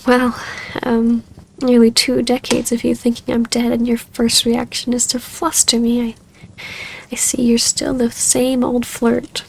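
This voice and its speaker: Playing a wistful vampire baroness for ASMR roleplay, a woman with a fairly high, strongly creaky voice speaks softly and hesitantly, tender and intimate. She keeps to a narrow pitch range with completely flat, unhurried delivery, and there's a slight hiss or hum.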